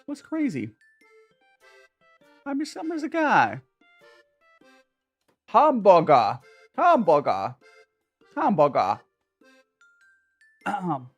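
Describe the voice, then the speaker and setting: Chatting with his livestream viewers during a tea chat, a young man with a Southern Californian accent rambles and pokes fun at himself, full of fillers and restarts. He talks slowly and pauses often, with huge pitch swings and a slightly rough voice. Soft music can be heard faintly.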